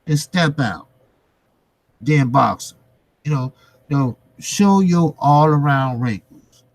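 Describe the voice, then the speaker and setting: A man's voice: fairly high pitch, no room sound, poor audio. A man hosting a casual boxing commentary for live viewers, speaking informally with slang and repeating his phrases for emphasis. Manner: repetitive, emphatic phrasing with trailing pauses; informal, slangy, occasional swearing. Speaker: boxing vlogger, host.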